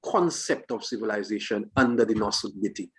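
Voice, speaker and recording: A man reasoning philosophically in a discussion, speaking deliberately phrase by phrase and posing questions. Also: on the low side.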